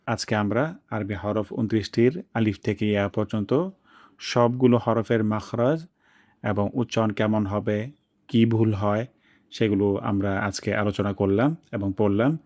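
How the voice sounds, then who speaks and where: A man teaching the pronunciation of letters, explaining mouth positions and drawing each sound out slowly for students to copy. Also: on the low side, a little mellow. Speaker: Quran recitation teacher. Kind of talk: pronunciation lesson.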